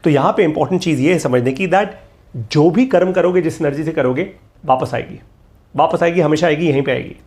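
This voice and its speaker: A middle-aged man teaches a motivational course at a fairly quick pace, his voice on the high side with a darkish tone. He is emphatic, repeats key lines, and mixes English phrases into his talk.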